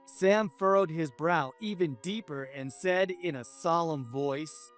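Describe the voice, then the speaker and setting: A man narrating a scripted first-person story in an even, measured way. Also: on the high side, soft background music.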